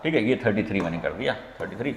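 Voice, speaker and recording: A man's voice: fairly low pitch, expressive, very fast, a little hiss or hum. A man teaching chemistry as an exam-prep lesson, working problems aloud step by step and often checking in with the class. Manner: explains step by step, keeps checking in with "theek hai". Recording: echoey, reverberant room.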